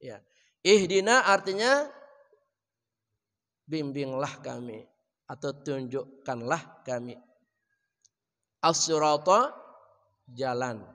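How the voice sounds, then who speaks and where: A man teaching Quran recitation in a mosque, chanting verses melodically and then explaining pronunciation quietly and quickly, with an Indonesian accent. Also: mid-range voice, animated. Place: mosque hall. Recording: reverberant mosque hall.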